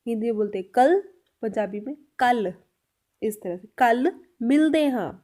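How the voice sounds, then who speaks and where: A woman giving a spoken language lesson, patiently explaining and saying example sentences slowly, then repeating them. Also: fairly high pitch, expressive, warm tone. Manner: clear, patient explanation addressed to viewers. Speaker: language teacher.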